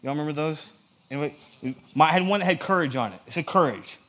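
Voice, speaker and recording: Guy preaching to a church, jokey and lively, kinda high voice. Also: fast. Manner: animated, joking asides to the audience. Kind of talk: casual sermon.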